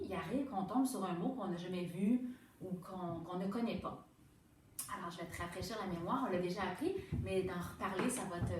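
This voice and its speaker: A woman's voice: medium pitch, darkish tone, recorded from a distance, slight background noise. A woman with a Quebec French accent teaching young children to read, patiently sounding out words. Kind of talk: reading lesson for young children. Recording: very echoey room, away from the mic.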